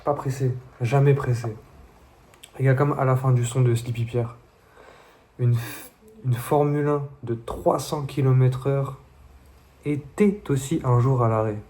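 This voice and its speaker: With a warm, mid-range voice, a young vlogger spins casual stories for his viewers, slangy and relaxed. He speaks a little slowly and leaves long pauses.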